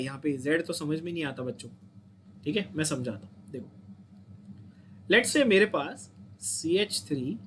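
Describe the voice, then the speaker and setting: A man with an Indian accent gives a classroom chemistry lecture in a high, light voice. He breaks each step down and keeps checking that his students follow. A faint hum of the room sits behind him. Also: sharp tone. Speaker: chemistry teacher.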